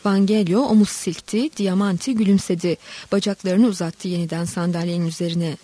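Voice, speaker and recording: Mellow, husky woman reading a story. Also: on the low side, fairly quick, no room sound. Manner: steady, dramatic literary narration. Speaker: narrator.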